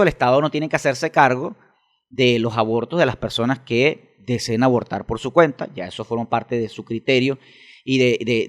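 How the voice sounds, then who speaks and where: Emphatic Venezuelan man, mid-pitched. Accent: Venezuelan Spanish. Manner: emphatic, fires rhetorical questions and answers them. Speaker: interview guest, political activist. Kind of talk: casual interview talk.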